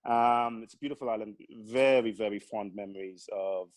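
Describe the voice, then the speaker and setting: A guest on a casual interview, the Grenadian accountant talks earnestly with a Caribbean accent, repeatedly restarting what he says. He speaks at a moderate pace in a voice on the low side, with no room sound.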